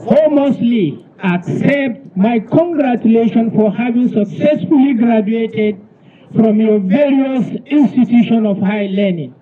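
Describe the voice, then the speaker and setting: A man's voice: extremely high pitch, a little slow, phone-quality sound. A man with a Nigerian accent, a government official, reading out a formal ceremonial speech.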